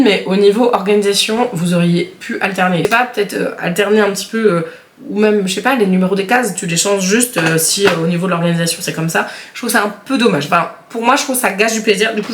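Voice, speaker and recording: A woman beauty vlogger chatting casually while she unboxes products, frank and expressive and speaking straight to her viewers. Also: medium pitch. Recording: echoey home room, faint background noise.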